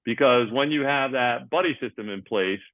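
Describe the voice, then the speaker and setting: A man's voice: medium pitch, normal speed, no echo. A man who coaches athletes with ADHD, explaining sports in plain terms with examples on a video call. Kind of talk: explaining in conversation. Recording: tinny phone-like line, dry.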